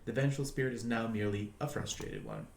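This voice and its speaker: A man streaming a game, reading its narration aloud in an animated way with frequent chuckles. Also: medium pitch, fast, reverberant, slight background noise.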